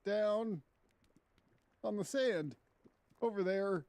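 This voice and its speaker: An awkward, evasive slacker in a video game. The tone is dark and soft-edged. He mumbles short, hesitant, improvised-sounding excuses. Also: high voice, extremely slow, no room sound, full character voice. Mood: nervous, evasive. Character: Nate, awkward overweight slacker man in a onesie, evasive. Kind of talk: naturalistic ad-libbed video game dialogue.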